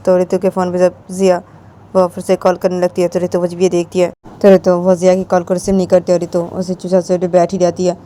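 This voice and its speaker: A woman's voice: lowish voice, monotone, brisk, warm tone, a little hiss or hum. A woman hosting her channel, casually retelling a romance story in a plain, repetitive way.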